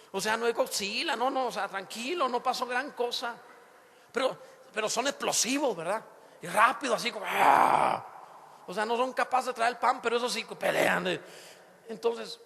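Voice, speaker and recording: High-voiced, animated pastor in echoing church. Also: male voice, gravelly. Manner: animated, acts out quoted voices, sudden shouts. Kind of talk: sermon. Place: church sanctuary. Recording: long hall reverb in a church.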